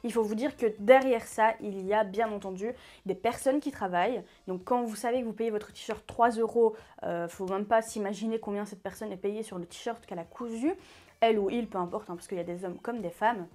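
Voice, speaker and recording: A woman's voice: mid-range voice, a little fast, a little mellow. A woman hosting a sewing channel, talking casually to camera in a chatty, rambling way with many fillers and self-corrections. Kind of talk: casual vlog talk to camera.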